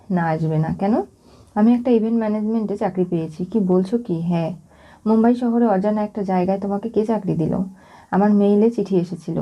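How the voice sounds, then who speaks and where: A woman narrates a television serial recap in a medium-pitched voice, reading each character's dialogue without changing her tone. Her delivery is even and steady, and the recording sounds dull and lo-fi. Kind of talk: storytelling recap, voicing all characters in one plain voice. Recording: dull lo-fi audio.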